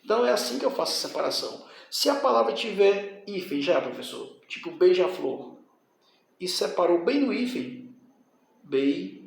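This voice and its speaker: A man's voice: high-pitched, animated, moderate pace, gravelly, very echoey. A man teaching a grammar lesson, explaining step by step and checking in with his students. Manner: explains step by step, often asks "tá?" and "certo?".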